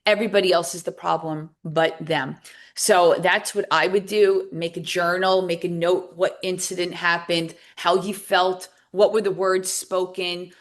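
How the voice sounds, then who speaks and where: Candid woman guest, lowish voice. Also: little pitch movement, unhurried. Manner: candid, acts out both sides of past conversations. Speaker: guest author and recovery coach. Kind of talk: podcast interview storytelling.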